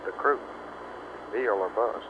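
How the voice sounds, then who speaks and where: A man's voice: on the low side, takes it slowly. An American man speaking as a flight director in terse, matter-of-fact control-room loop talk. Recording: noisy 1969 mission control intercom.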